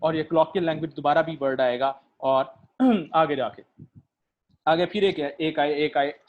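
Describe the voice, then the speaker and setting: Man lecturing, checking in constantly. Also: fairly high pitch. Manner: keeps checking "theek hai?" and fills pauses with "uh", mixing in English terms. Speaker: literature lecturer. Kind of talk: recorded lecture. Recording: dull lo-fi recording.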